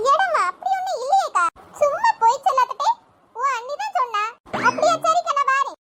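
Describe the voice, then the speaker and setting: A woman voicing chatty village women in an animated cartoon comedy, in a squeaky sped-up tone. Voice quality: very high, sped-up chipmunk-like tone. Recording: loud background hiss.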